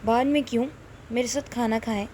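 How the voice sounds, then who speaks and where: A headstrong young doctor who pushes back firmly against his family, as a woman reads him out. The voice stays high and even, with little rise and fall. Faint noise runs beneath. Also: natural voice. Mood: caring. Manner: insistent, protesting. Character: young male doctor, earnest, headstrong son.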